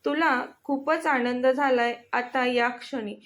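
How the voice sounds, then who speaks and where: A woman's voice: high-pitched, steady tone, slow. A woman voicing a young male company boss who earnestly pleads with the woman he loves. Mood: tender.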